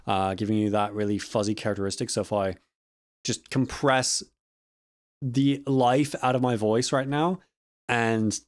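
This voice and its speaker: A young audio student who hosts a vlog gives a loose, chatty, rambling recap of a lecture on audio ideas, often circling back to correct himself. His lowish voice sounds dry and close, recorded at home on a close studio mic with a compressor and no echo.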